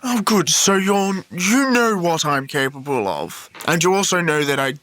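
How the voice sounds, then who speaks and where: A man plays a tabletop game and calmly states what his character does. His pitch rises and falls in a lively way as he talks. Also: normal speed, dry recording. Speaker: player. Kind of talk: tabletop role-play.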